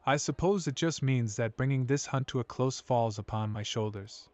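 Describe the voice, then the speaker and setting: A man's voice: medium pitch, moderate pace, darkish tone, no room sound, lightly acted. A man playing a grave, vengeful elf hunter in a video game, speaking formally and solemnly in a hollow voice. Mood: solemn, regretful. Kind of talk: video game character dialogue.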